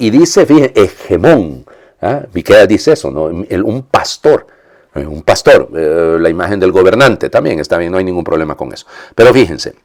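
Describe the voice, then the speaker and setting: Deep-voiced priest preaching, swings his pitch all over, keeps saying "look" to the people, lots of ums. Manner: animated teaching, frequent "fíjense" and "¿eh?" asides; many fillers and restarts, explains Greek terms. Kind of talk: Epiphany homily after a Gospel reading.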